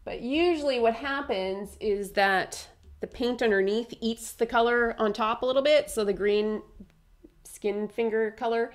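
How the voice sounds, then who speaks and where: A woman's voice: a little high, unhurried. Chatty woman teaching face painting. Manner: chatty, upbeat, explaining as she paints. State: slightly hoarse. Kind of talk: casual face painting tutorial.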